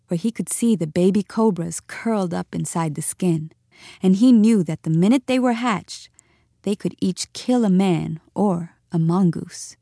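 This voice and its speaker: A woman narrating a storybook in an expressive, measured reading. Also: on the low side, vocal fry, no echo, clean studio sound.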